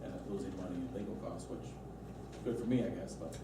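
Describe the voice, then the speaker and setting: A man's voice: low-pitched, fairly even intonation, brisk. A man explaining procedure as an adviser in a formal board meeting discussion, recorded in an echoey room. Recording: echoey meeting room, distant mic, background noise.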